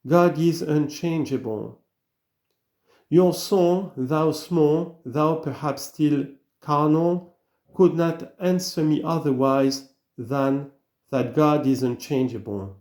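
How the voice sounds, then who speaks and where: A man giving a slow, earnest reading of an old sermon, full of rhetorical questions. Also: fairly high pitch, a little mellow, roomy sound. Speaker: reader of sermons.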